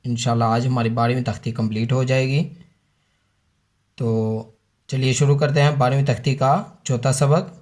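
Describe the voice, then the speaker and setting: A man with a Pakistani Urdu accent teaching children to read the Quran, slowly spelling out and repeating each syllable for his students. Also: mid-range voice, level tone, darkish tone. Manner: addresses viewers as students. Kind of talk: slow recitation lesson for children.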